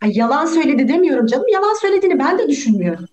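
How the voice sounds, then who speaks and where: A woman's voice: sits high, big pitch swings, racing, crowd noise. A woman playing a pleading, sympathetic juror. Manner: pleading, emphatic. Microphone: video call. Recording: roomy, dull video-call audio.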